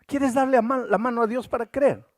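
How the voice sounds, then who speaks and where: A man's voice: very high voice, fairly even intonation, brisk, dry recording, clean studio sound. A man preaching a sermon as pastor, telling a story and acting out the dialogue with big swings in voice.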